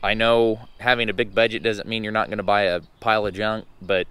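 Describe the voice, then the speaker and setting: A man with a slightly hoarse voice, recovering from losing it, gives a casual vlog update in a folksy, halting, unhurried way. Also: fairly low pitch, little pitch movement, fairly bright tone. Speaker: truck owner and vlogger.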